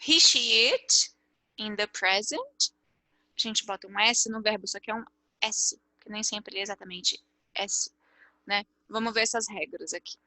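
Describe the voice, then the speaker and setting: A woman's voice: mid-range voice, measured pace, pushed and bright, no echo. A Brazilian woman teaching English grammar in an online lesson, explaining step by step and often checking with "ok?". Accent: Brazilian Portuguese.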